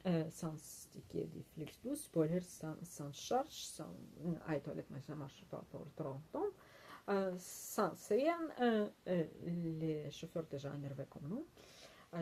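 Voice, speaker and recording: A woman telling a travel story in halting, non-native French, full of fillers and restarts, growing heated. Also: on the low side, warm tone, slightly rough. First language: not French. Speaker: vlogger. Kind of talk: casual storytelling.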